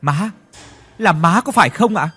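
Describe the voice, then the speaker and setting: A man voicing a cold, sharp young daughter speaking firmly in a ghost story. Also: high-pitched, lively intonation, unhurried, husky, pitched above the performer's own voice, full character voice. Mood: pleading. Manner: cold and firm.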